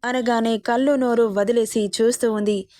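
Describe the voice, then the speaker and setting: A woman narrating a romantic audio story in a steady, expressive reading. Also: fairly high pitch, normal speed, no echo.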